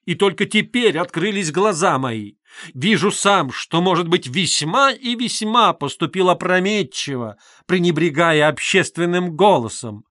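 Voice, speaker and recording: A pompous, sarcastic middle-aged suitor, voiced by a male reader, speaks with haughty, ceremonious politeness. His voice sits high and strained in a dry, close recording. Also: expressive, measured pace, sharp tone, dry recording, full character voice. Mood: bitter.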